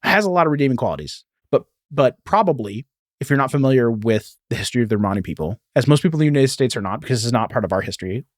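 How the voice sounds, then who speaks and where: In a rapid-fire, expressive, mid-pitched voice, a man hosts a podcast, explaining history and film plots informally, like casual storytelling. He often wanders into asides before picking the thread back up. There is very little room sound, and the audio is studio quality.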